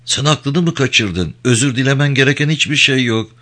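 A man's voice: mid-range voice, normal speed, bright, forceful tone, voice pushed up, close to an everyday voice. A man voicing a shaken man who anxiously questions and reassures a friend.

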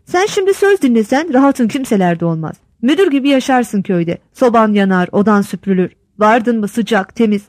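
A woman's voice: fairly high pitch, a little mellow, dry recording. A woman voicing a blunt, opinionated old male village headman who lectures in folksy sayings, in a read-aloud story.

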